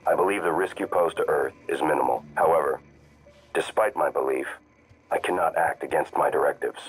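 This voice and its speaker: Calm ship computer, very low voice, measured, even-toned, game AI operator. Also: male voice, a little hiss or hum, low-quality recording. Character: calm male AI operator robot. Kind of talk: video game voice acting.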